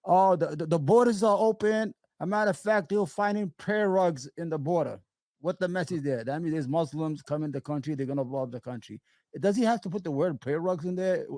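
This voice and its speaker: A man hosts a casual political interview. He rambles and speaks with emphasis, often restarting his sentences, in a fairly high voice. The recording is close and dry, with no room sound. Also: brisk, a little mellow, dry recording. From Brooklyn, New York. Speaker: show host.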